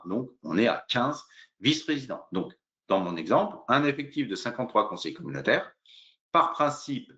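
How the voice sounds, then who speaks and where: In this legal webinar, a male lawyer explains the law in a semi-improvised, didactic way, moving step by step with lots of hesitation and filler words. His voice sits lowish with a fairly bright tone, and the recording is muffled.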